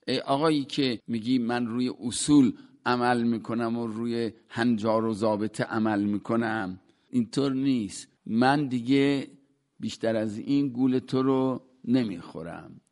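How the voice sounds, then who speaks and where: A man teaching classical poetry in a conversational lecture, reciting verse lines and then glossing each word in plain everyday speech. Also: mid-range voice.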